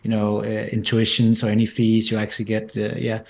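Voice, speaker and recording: A Danish entrepreneur in his forties, a guest on a podcast interview, speaks thoughtfully with a Danish accent, restarting often and repeating words. His voice is on the low side, monotone, creaky and darkish, and a little fast.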